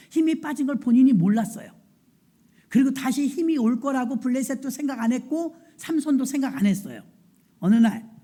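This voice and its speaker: A woman's voice: a little high, mellow. A woman pastor preaching a sermon, telling a story dramatically and asking the congregation rhetorical questions.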